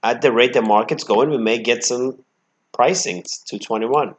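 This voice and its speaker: A man's voice: mid-range voice, moderate pace. A man hosting a trading channel, giving live, brash commentary on his stock trades, swinging between emphatic outbursts and muttered asides.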